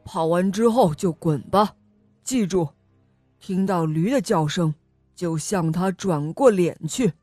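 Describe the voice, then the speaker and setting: A woman voicing a stern, gruff old male cat king in a children's storybook reading. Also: on the low side, takes it slowly, mellow, no echo, clean studio sound, soft background music, pitched below the performer's own voice. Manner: gruff, scolding.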